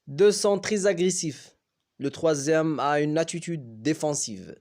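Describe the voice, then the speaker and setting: Slow-reading man narrating a novel. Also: on the high side, darkish tone. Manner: slow, careful storybook reading. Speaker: French teacher.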